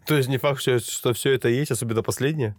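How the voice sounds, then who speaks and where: A man in his thirties co-hosting a casual podcast, teasing his partner with quick comebacks and wordplay. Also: medium pitch, dry recording, faint music behind. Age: 30s. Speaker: podcast co-host. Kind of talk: casual joking podcast chat.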